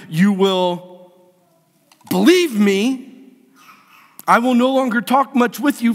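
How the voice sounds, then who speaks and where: A male pastor preaching a sermon, animated and playful, acting out scenes with funny voices. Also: sits high, big-room sound. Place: church sanctuary.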